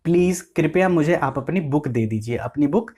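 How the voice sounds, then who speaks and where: Male English tutor, voice a touch high, patient and repetitive, spells words letter by letter. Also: expressive, moderate pace, a little mellow. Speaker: English teacher. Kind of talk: explanatory lesson.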